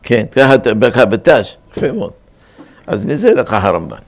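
A man's voice: mid-range voice, very animated. Man teaching a Torah class. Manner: explains Hebrew grammar, repeats words to stress them.

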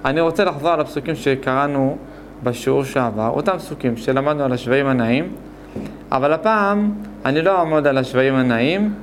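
A man teaching a Hebrew grammar lesson, explaining slowly and repeating points while asking his students questions. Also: medium pitch, a little hiss or hum. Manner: slow, repetitive explaining with questions to the class. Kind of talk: classroom lesson.

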